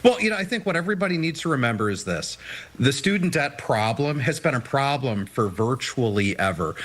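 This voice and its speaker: A man speaks as a financial planner guest in a television interview, explaining in an emphatic, upbeat way. His voice sits at an ordinary middle pitch. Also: a bit bright. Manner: emphatic, upbeat advice-giving. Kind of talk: TV news interview. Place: TV studio or remote video link.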